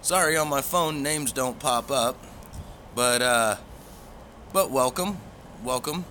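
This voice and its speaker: Guy doing a laid back rambly livestream chat, folksy, brightish voice, bit of noise behind him. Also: mid-range voice, slow. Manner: rambling, easygoing, folksy phrasing. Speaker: pipe hobby vlogger.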